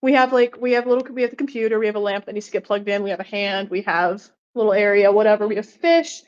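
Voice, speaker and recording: A woman livestreamer chatting casually with friends in a playful, animated gamer-girl manner. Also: mid-range voice, fast, clear, resonant tone, lo-fi sound. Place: home office.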